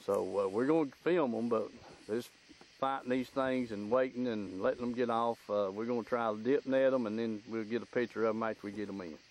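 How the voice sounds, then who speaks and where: A man's voice: medium pitch, a little fast. A man with a Southern US accent hosting a casual fishing show from a boat on a lake, speaking in a folksy way into a camera microphone. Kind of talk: casual outdoor fishing commentary. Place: outdoors in a boat on a lake at night. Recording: noisy outdoor camera recording on a lake.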